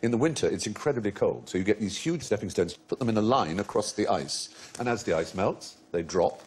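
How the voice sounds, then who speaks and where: A man's voice: fairly low pitch, animated, fairly quick, a little mellow, slightly rough. A man hosting a comedy panel quiz, explaining facts in a wry way and laughing often, in a TV studio. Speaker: quiz show host. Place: TV studio with audience.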